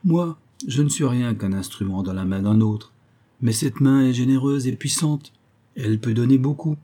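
A man's voice: mid-range voice, moderate pace, dark tone, lightly acted. A man voicing a sinister, mysterious male stranger who speaks insistently and with menace in an audiobook. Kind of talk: audiobook character voice.

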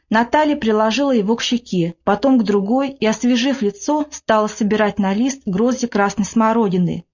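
A woman narrating classic prose in a measured, even reading. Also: a little high, dull audio. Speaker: audiobook narrator.

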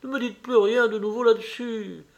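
A man's voice: extremely high pitch, steady tone, normal speed, vocal fry, dull audio, voice pushed up. A man reading an audiobook voices an earnest, impulsive young man who speaks with heightened emotion. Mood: pleading.

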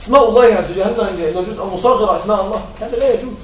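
A man teaches grammar to a class in a high, clear-pitched voice, often repeating himself and asking quick check-in questions. He is recorded from a distance, so the room's echo carries around his words. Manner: repeats points and checks understanding with short questions. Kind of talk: classroom lecture. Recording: echoey room, mic far off.

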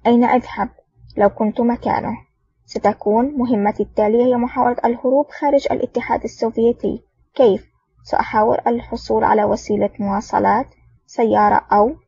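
A woman's voice: fairly high pitch, fairly even intonation, quick pace, gravelly, mellow, breathy edge. A woman voicing an anxious, ambitious male Soviet officer who talks in an eager, flustered way. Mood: agitated. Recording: dull lo-fi audio.

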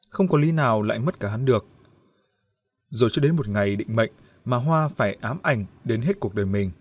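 A man reading a grim family tragedy aloud as an audiobook narrator, steady and grave. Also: mid-range voice, no echo.

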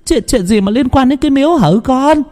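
A man's voice: very high voice, expressive, fairly quick, darkish tone, big-room sound, pitched above the performer's own voice. A man voicing a worried village mother who whimpers and laments. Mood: alarmed, lamenting.

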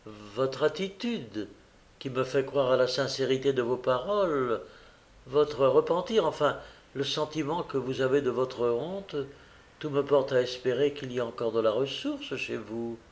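A man reading the part of a kind, virtuous young lady who speaks in an earnest, gently coaxing way. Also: mid-range voice, animated, unhurried, natural voice.

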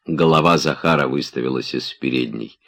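Deep male audiobook narrator, calm and measured. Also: vocal fry.

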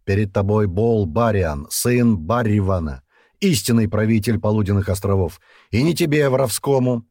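A man voicing a stern old male warrior guardian who speaks in a clipped, icy, measured way, in an audiobook. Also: on the low side, level tone, dark tone, no room sound, studio quality, close to an everyday voice.

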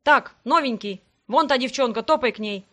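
Woman doing a loud bossy orc steward. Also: sits high, brisk. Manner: loud, ordering about.

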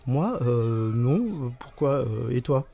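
A man's voice: mid-range voice, big pitch swings, takes it slowly, gravelly, warm tone, slight background noise, heavily acted. A man voicing a cheeky seven-year-old boy who fakes a broken English accent, stubborn and pouty. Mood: cornered.

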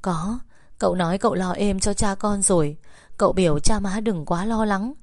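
A woman's voice: mid-range voice, darkish tone, no room sound, clean studio sound, natural voice. A woman voicing a weeping, anxious older village mother who stammers and repeats herself. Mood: tearful pleading. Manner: sobbing, halting, repeats words. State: crying.

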